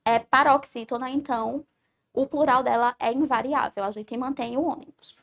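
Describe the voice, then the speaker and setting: A woman's voice: high voice, steady tone, moderate pace, fairly bright tone. A woman teacher with a Brazilian Portuguese accent giving a recorded grammar lesson, explaining step by step and checking in with her students. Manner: clear explanatory delivery, checks with "certo?".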